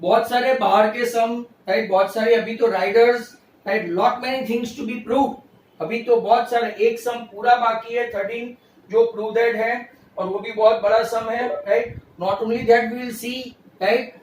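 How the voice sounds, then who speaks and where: A male maths teacher giving an online class, mixing English into Hindi, repeating "right?" often, loud and stern with absent students. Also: very high voice, steady tone, a little slow, slight background noise. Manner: loud, says he shouts himself hoarse. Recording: roomy echo, distant mic, faint ambience.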